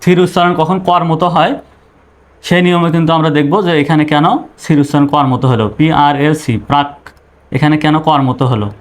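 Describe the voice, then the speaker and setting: A man's voice: a little high, fairly even intonation, a little fast. A man teaching an English spelling lesson, patiently repeating each rule and spelling words out letter by letter.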